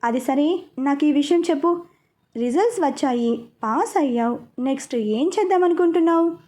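A stern young man who watches over his cousin, giving firm and commanding orders, as a woman storyteller reads his part. The voice sits high, with a mellow, soft tone, in a spoken audio story. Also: lively intonation, moderate pace.

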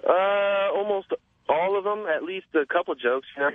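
A male caller who grew up in Japan talks in a hesitant, rambling way, filling his pauses with uhs. His voice sits at an ordinary middle pitch. He comes through a narrow, tinny phone line with a dry sound. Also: dry recording. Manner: hesitant, rambling, full of fillers. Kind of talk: phone-in conversation.

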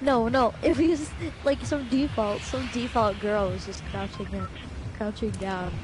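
A woman's voice: on the high side, steady tone, measured pace, background noise. A young woman chatting casually while playing a game, playful and slangy, laughing often. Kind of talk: casual gaming chat.

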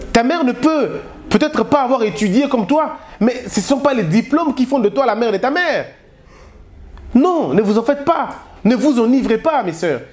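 A man from Congo, giving a moralizing public address full of rhetorical questions and exhortations. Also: extremely high pitch. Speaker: speaker on family values.

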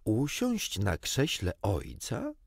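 A man's voice: fairly low pitch, huge pitch swings, vocal fry, slightly rough, no echo, clean studio sound, heavily acted. A man voicing a young girl who plays mother, scolding and fussing over the children. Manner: fussy, scolding, brisk. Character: motherly girl playing house.

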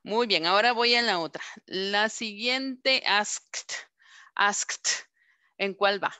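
Leading a class online, this woman teacher takes her time saying every English verb again and again for pronunciation drills. The recording is close and dry, with no room sound, and her medium-pitched voice comes across bright and clear.

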